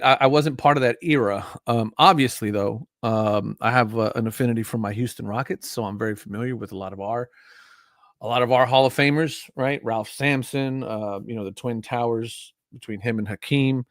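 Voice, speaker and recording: A man's voice: medium pitch, moderate pace, no echo, clean studio sound. Forty-something man rambling on a live stream. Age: 40s. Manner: rambling, frequent fillers and restarts. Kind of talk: casual live stream chat.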